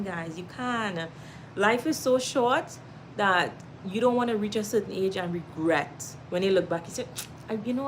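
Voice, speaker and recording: Her lowish voice comes through a rough recording with slight background noise. She's a Trinidadian woman hosting a relaxed home livestream, warmly encouraging viewers, reading out their comments and laughing often.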